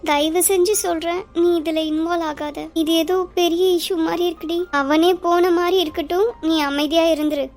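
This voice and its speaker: Woman doing a strict protective cousin girl, high voice, lectures hard. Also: fairly even intonation, normal speed, hardly any pauses, faint music behind. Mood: pleading. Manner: firm, lecturing, pleading. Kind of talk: cartoon voice acting.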